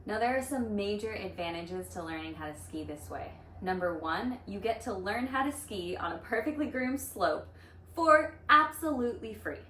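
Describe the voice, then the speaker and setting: A woman co-hosting a vlog in casual conversation, upbeat and expressive. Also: medium pitch, normal speed. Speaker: vlog host. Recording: echoey room, faint background noise.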